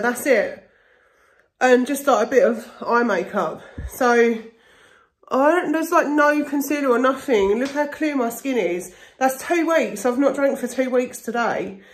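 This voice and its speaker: A middle-aged woman chatting casually and confidingly, rambling as she vlogs into a phone at arm's length. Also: high-pitched. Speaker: vlogger. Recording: noisy handheld phone recording, ambient sound.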